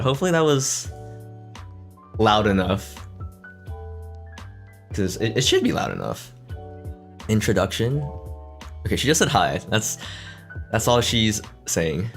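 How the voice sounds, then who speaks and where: A man hosting a casual chat stream, easygoing and quick to laugh, often restarting his words. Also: medium pitch, a bit bright. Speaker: streamer host. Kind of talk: casual chat reading fan questions. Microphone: desk mic.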